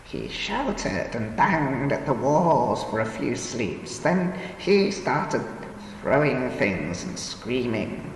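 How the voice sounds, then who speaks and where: Man doing a frail, ancient old lady in an audiobook. Raised, lively voice, very slow, in a roomy space with long reverb. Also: mid-range voice, pitched above the performer's own voice. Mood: grave. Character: ancient frail old woman, gentle and weary. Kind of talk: audiobook character reading. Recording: roomy echo, long reverb, faint hiss.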